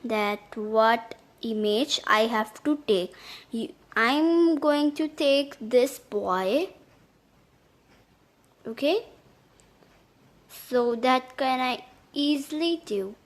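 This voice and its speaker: A woman narrating a step-by-step app tutorial in halting, repetitive phrasing. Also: a little high. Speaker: tutorial host.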